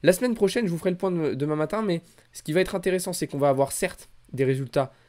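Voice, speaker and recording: A man's voice: fairly high pitch, quick pace, darkish tone. A man hosting a markets recap, speaking in a casual, conversational and hesitant way with repetitions. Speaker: host of a weekly markets recap. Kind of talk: casual financial market commentary.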